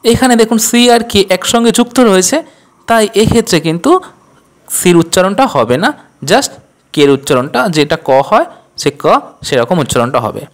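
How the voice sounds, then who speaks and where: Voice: medium pitch, lively intonation, moderate pace. A teacher explaining English pronunciation rules, who speaks patiently and spells words out letter by letter.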